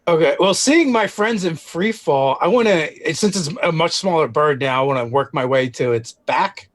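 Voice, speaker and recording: A man playing a tabletop game, stating his character's moves deliberately with a wry humor. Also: fairly high pitch, animated. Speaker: player. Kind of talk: casual chat at a game table.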